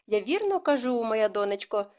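A woman voicing a fond, scheming society mother who teases and gently scolds her grown son. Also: a little high, sing-song, normal speed.

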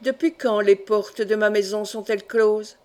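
A woman's voice: mid-range voice, fairly even intonation, moderate pace, darkish tone, natural voice. A woman voicing a proud, stern old Breton count, reading him in a solemn, grave way close to her own voice. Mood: commanding.

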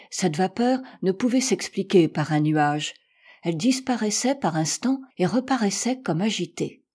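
A woman narrating a classic adventure novel as an audiobook, measured and expressive, with dramatic rises in her voice. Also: medium pitch, breathy edge. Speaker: audiobook reader.

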